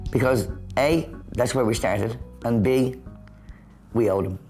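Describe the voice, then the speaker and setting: A man's voice: mid-range voice, a little slow, a little mellow, soft background music, rough recording. A man interviewed, telling an anecdote about launching his show.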